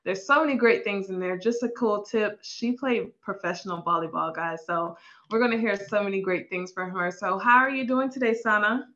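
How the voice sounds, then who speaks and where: A woman's voice: medium pitch, normal speed, sharp tone. Upbeat woman host, dull lo-fi sound. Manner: upbeat, encouraging, repeats phrases. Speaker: podcast host. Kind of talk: casual interview hosting.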